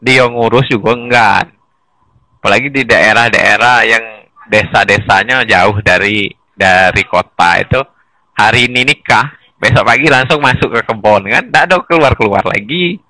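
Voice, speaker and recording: A man with a bright, clear-edged voice explains things in a relaxed conversational way, often chuckling and restarting his sentences. He is recorded dry and close, with no room echo. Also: on the low side, normal speed. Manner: animated, chuckles between points, restarts mid-sentence. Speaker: guest explaining village data administration.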